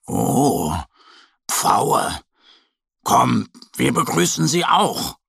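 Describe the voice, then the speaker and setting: A man's voice: medium pitch, big pitch swings, drawn-out words, gravelly, fairly bright tone, breathy edge, no echo, voice pushed up, exaggerated voice. A man voicing an eager, curious little bear boy in a children's storybook, in a childlike manner. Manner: childlike, eager and sometimes hesitant.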